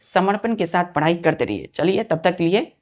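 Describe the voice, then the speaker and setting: A woman's voice: on the low side, animated, moderate pace. A woman teaching an English grammar lesson for exam preparation. She repeats key words, spells them letter by letter, and keeps quizzing her students, whom she calls children. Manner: addresses listeners as children. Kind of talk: online exam-prep lesson.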